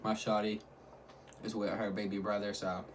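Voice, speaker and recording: A man's voice: on the low side, level tone, normal speed. A man talking casually in a food vlog, hyping things up in repetitive slang. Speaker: mukbang vlogger. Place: at home. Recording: clearly noisy home recording.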